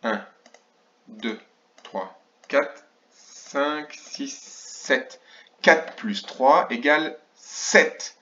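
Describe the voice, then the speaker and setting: A man's voice: mid-range voice, drawn-out words, bright, forceful tone. A man teaching young children in a remote lesson, counting aloud and sounding out syllables carefully. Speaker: kindergarten teacher. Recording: dull lo-fi recording.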